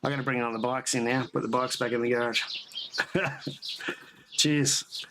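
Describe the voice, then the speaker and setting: A man's voice: medium pitch, flat delivery, normal speed. Male host, mid-range voice, chatty and rambling, noisy outdoor audio with birdsong. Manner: rambling, chatty, laughs often. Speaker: homebrew channel host. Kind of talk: casual live-stream chat. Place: at home, near the garage, partly outdoors.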